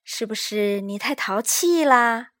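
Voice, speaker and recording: A woman's voice: a little high, lively intonation, slow, a bit bright, dry recording, studio quality. A woman doing an eager young child. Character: chatty young child friend.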